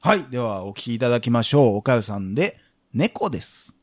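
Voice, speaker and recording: A man's voice: medium pitch, big pitch swings, a little fast. A man with a Kansai accent co-hosting a podcast, teasing his partner in casual comedic banter. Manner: teasing, playful, mock-announcing. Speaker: podcast co-host.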